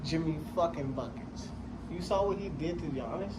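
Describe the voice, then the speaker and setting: A man's voice: expressive, moderate pace. A man in a casual sports chat, talking like an emphatic, slangy fan who says "bro" a lot. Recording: very noisy, vehicle-like background rumble.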